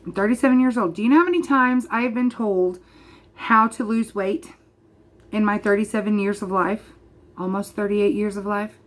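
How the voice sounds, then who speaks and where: A woman's voice: mid-range voice, steady tone, moderate pace. A woman in her thirties ranting passionately to camera as a vlogger, emphatic and repeating her points straight to the viewer. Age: 30s. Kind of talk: passionate direct-to-camera rant.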